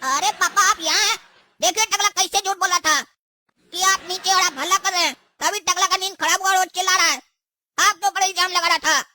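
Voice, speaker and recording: A woman's voice: brisk, bright, forceful tone. A woman, playing an insulting son woken at night in a comedy sketch. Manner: shrill, insulting.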